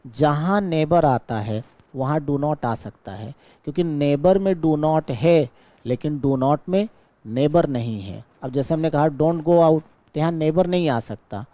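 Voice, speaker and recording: A man teaching a grammar lesson in a slow, unhurried voice that sits a little high for a man. His tone is dark and mellow. He is recorded close and dry, drawling each English example as he checks in with his class. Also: animated, dry recording. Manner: patient explaining, drawls English example sentences very slowly. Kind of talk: exam-prep grammar lesson.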